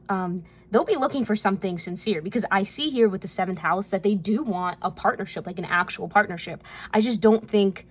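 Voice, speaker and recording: A woman talks through a tarot card reading in a loose, chatty way. She rambles, circles back to her points and fills the gaps with casual fillers, at a middle pitch for a woman. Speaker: tarot reader.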